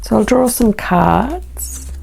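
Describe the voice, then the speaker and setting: A woman's voice: a little high, animated, takes it slowly, gravelly, a little mellow, husky. An Australian woman reading oracle cards, chatty and rambling with self-deprecating asides. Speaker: oracle card reader. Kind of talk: casual spoken intro to a card reading.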